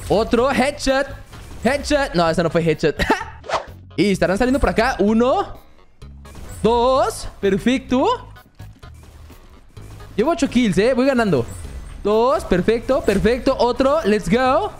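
Excitable high-voiced gaming commentator, male. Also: slow, long pauses, soft background music. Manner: excitable, addresses viewers as family. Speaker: gaming YouTuber. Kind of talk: gameplay commentary.

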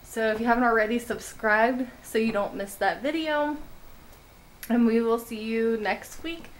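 A young mother filming a casual family vlog on a handheld camera, speaking slowly in a slightly high voice. She chats easily to the camera, her kids and her pet. The recording carries clear background noise from a car and the room. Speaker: family vlogger.

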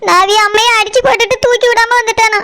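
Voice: extremely high pitch, steady tone, fast, pushed and bright, slight background noise, exaggerated voice. A voice actor playing a young village wife with a Tirunelveli Tamil accent, complaining and pleading to her mother. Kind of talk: cartoon voice acting.

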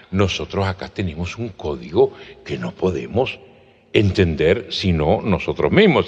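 A low-voiced man with a Colombian Caribbean coast accent tells stories to friends in an animated, rising-and-falling way. He spells words out slowly and laughs often. The dull, lo-fi recording carries a long hall echo. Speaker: storyteller among friends. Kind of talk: casual storytelling conversation. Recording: reverberant hall, dull lo-fi sound.

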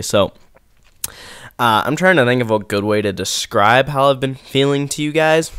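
Teen male gamer, congested sore-throat voice, lowish and smooth, dry close sound, subdued rambling delivery. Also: fairly bright tone, no room sound. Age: teens. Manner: subdued, rambling, many fillers. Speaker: gaming video creator. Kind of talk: casual talk to camera over gameplay.

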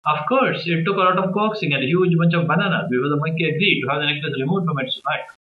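A man's voice: on the high side, fast, roomy sound, phone-quality sound. Man reading a children's story aloud. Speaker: storybook reader.

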